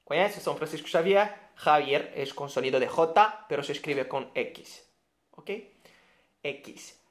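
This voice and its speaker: A man's voice: a little high, moderate pace. A man with a Brazilian Portuguese accent teaching a video lesson, who patiently repeats each sound and keeps checking with the viewer. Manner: often checks understanding with "ok?". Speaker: Spanish teacher.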